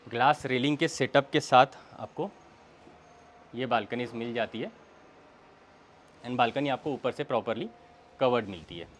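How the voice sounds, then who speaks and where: A man's voice: mid-range voice, measured pace, long pauses, a little hiss or hum. A young man from India giving a walking tour of a villa's bedrooms, inviting the viewer along in an easy sales patter, mixing Hindi with phrases. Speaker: real estate tour host. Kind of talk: property walkthrough. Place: indoors, large villa interior, walking room to room.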